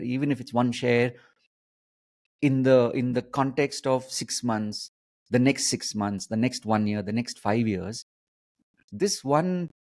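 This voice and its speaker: A man hosting a conversational interview, phrasing things in halting, repeated, emphatic bursts. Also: mid-range voice, darkish tone. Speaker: host, coaching mentor.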